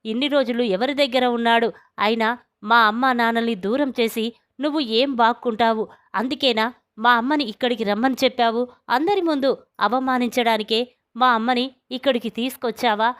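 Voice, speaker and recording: A woman's voice: fairly high pitch, a little fast, fairly bright tone, clean tone, close to an everyday voice. A woman voicing a bitter young woman firing accusing questions at her family.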